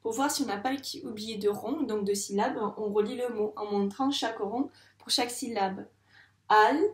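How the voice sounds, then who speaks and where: A woman's voice: medium pitch, normal speed, darkish tone, echoey room. A woman teacher giving a patient video lesson to a young child, stretching out words syllable by syllable. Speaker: primary school teacher.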